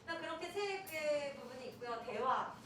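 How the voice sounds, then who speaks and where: A woman's voice: high voice, animated, normal speed, a bit bright, a little hiss or hum. A woman presenting at an admissions session for parents, talking animatedly and acting out children's and teacher's lines. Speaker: education center presenter. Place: room at an info session. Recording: echoey room, voice from a distance.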